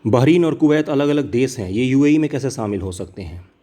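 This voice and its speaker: Earnest teacher with a mellow voice. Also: male voice, medium pitch, lively intonation, a little fast. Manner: earnest, direct, addresses viewers as brothers. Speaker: exam coaching teacher. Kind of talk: casual exam paper discussion.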